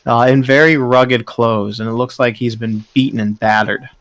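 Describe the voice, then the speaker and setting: A man narrating a tabletop game as game master, describing scenes slowly. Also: mid-range voice, steady tone, fairly bright tone, no echo.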